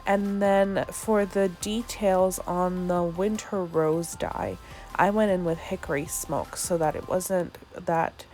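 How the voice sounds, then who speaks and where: A woman hosting a card-making tutorial as a voiceover, sounding a little congested and talking in a relaxed, chatty way with fillers. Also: fairly low pitch. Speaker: craft channel host.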